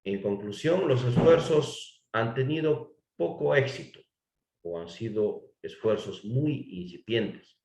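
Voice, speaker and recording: A man from Ecuador, giving a formal legal lecture in a measured way, restating phrases and asking rhetorical questions. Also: medium pitch, expressive, darkish tone, roomy sound. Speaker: course lecturer.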